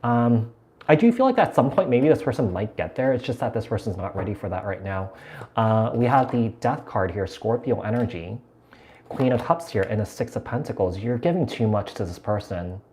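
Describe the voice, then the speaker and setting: A man's voice: fairly low pitch, expressive, normal speed, darkish tone, slight background noise. A man from the United States giving a live tarot reading, talking in a chatty, meandering way with lots of fillers and repeated words. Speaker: tarot reader.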